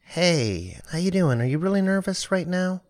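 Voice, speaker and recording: A man voicing a kind female casting director who speaks softly and encourages a nervous auditioner. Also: fairly low pitch, animated, moderate pace, voice pushed up, lightly acted. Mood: reassuring. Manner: soft, encouraging.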